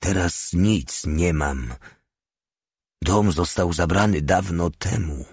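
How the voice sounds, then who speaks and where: A man voicing a weary, humble old prisoner in an audiobook, speaking quietly with dignity. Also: low voice, slow pace, slightly rough, dry recording, clean studio sound, full character voice.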